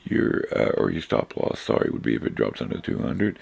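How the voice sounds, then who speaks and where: A man giving a casual, rambling lesson on reading stock charts, hoarse because he is losing his voice, with loose phrasing and frequent self-corrections. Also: rumbling low, big pitch swings, fairly quick, darkish tone. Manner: informal, rambling, many fillers and self-corrections. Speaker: trading instructor.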